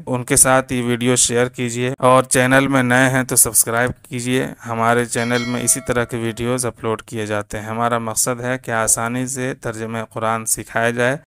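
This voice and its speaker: A man teaching word-by-word meanings in a slow, deliberate lesson, repeating each meaning. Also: mid-range voice, a bit bright, smooth. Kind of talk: step-by-step lesson.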